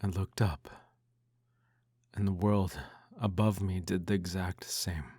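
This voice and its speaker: Very deep, slow, intimately soft-spoken man, ASMR role-play. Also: little pitch movement, slightly rough, dry recording, clean studio sound. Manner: soft intimate delivery, breaking into speaks softly. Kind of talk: ASMR role-play, reading a bedtime story aloud.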